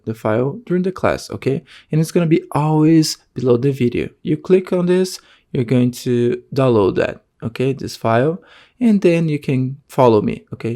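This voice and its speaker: This course instructor has a mellow, mid-range voice and teaches online, repeatedly asking "okay?" to check in. His first language is Portuguese, which shows in his non-native phrasing and many fillers.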